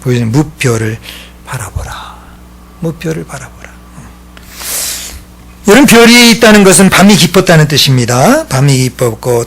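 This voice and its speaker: Casting: male pastor, husky and fairly high voice, swings from loud proclaiming to near-whispers. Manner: swings between loud exclaiming and hushed whispering. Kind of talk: sermon.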